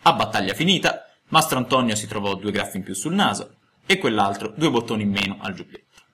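Audiobook narrator, male, bright tone, very animated intonation. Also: lowish voice, fairly quick. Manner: expressive, storytelling cadence. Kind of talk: audiobook reading of a classic tale.

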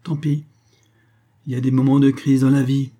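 A man's voice: medium pitch, flat delivery, moderate pace, warm tone, pitched above the performer's own voice, lightly acted. A man reading aloud and voicing a proud, broke young man who pleads and stammers, then puts on dignity. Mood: ashamed.

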